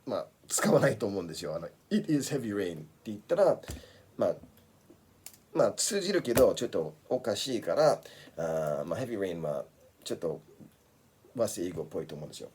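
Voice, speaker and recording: Male English teacher, low husky voice, animated delivery with frequent restarts. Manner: mixes English and Japanese, many fillers and restarts. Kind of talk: casual language lesson. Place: small conversation studio.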